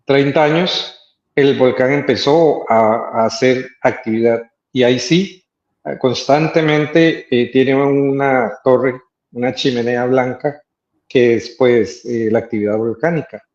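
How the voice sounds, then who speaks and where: A man with a Costa Rican accent, speaking as an interview guest about his life as an artist, thoughtful and hesitant with many filler pauses. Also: medium pitch, darkish tone. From Costa Rica. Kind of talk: interview conversation. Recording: roomy, slightly dull sound.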